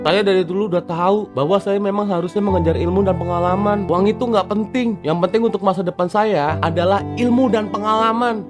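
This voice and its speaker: A meek, overworked young male student from an animated comedy, voiced by a man. He whines in low, tired complaints. Light music sits under the voice. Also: fairly quick, few pauses, natural voice. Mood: whiny.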